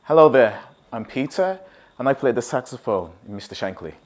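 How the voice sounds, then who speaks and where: A man, a saxophonist, speaking in a thoughtful, unhurried way in a documentary interview. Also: mid-range voice, expressive.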